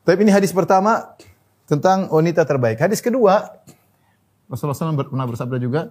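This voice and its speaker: Male preacher, joking then exhorting. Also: lively intonation. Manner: jokes and laughs, then rises high and loud when exhorting; drawls Arabic phrases slowly. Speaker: Islamic preacher. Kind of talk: sermon.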